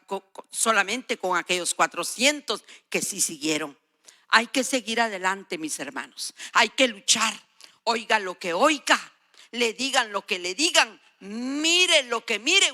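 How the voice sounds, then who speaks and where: A woman in her sixties or older, serving as guest preacher, gives an emphatic, exhorting sermon and repeats phrases for weight. Her slightly high voice is expressive, bright and forceful, delivered at a measured pace.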